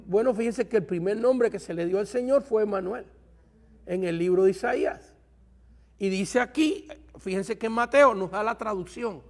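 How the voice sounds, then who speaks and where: A male pastor giving a Bible study lecture to a class, asking rhetorical questions and pausing to search for the right words. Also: high-pitched.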